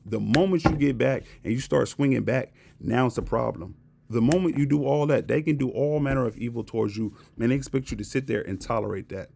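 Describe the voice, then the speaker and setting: A man with a gravelly, creaky voice at an ordinary pitch vents in an unscripted monologue. He is blunt and profane, hammering each point home through repetition. It sounds like casual talk straight to camera. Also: a little fast, darkish tone, slight background noise. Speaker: vlogger.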